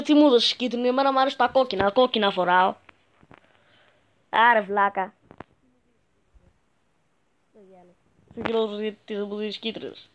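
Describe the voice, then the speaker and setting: A male YouTuber giving joking, crude gameplay commentary that bursts into excited shouts. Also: high-pitched, creaky, slight background noise, rough recording. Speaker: gaming YouTuber.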